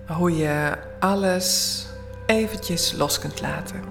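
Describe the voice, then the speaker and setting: A woman leading a guided bedtime meditation in a soothing, hushed, often near-whispered voice with long pauses. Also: on the low side, creaky, over music. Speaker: guided relaxation instructor.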